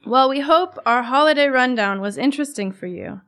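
Higher-voiced woman podcast co-host. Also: animated, a little fast, over loud music. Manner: curious, friendly questioning. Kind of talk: scripted educational podcast dialogue.

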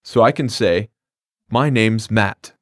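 A man with a fairly low voice co-hosts a scripted language lesson, speaking slowly. He explains phrases in a plain, upbeat way. It's a dry studio recording without room sound.

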